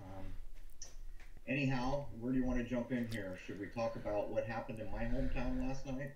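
A man's voice: medium pitch, moderate pace, darkish tone. A man hosting a live stream, rambling with frequent ums and uhs, heard through a thin speakerphone-like sound. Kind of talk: casual live stream commentary. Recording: dull dry speakerphone-like audio.

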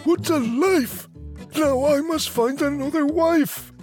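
A storyteller voicing a fussy, self-pitying king in a high, complaining voice. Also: takes it slowly, soft background music.

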